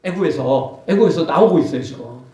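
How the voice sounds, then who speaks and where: A male pastor preaching a sermon, animated, acting out scolding quotes. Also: fairly high pitch, fairly quick, roomy sound, distant mic. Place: church.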